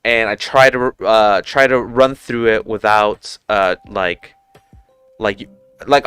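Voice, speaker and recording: Casual male streamer from Puerto Rico, 30s, clear, smooth tone, faint music underneath, headset mic. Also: mid-range voice, a bit bright. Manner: rambling, informal, many fillers and restarts. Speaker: livestream host. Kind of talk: casual livestream chat.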